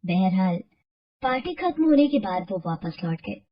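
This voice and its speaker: A woman narrating a bedtime moral story in a steady, scripted way. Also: mid-range voice, normal speed, lo-fi sound. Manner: steady, explanatory.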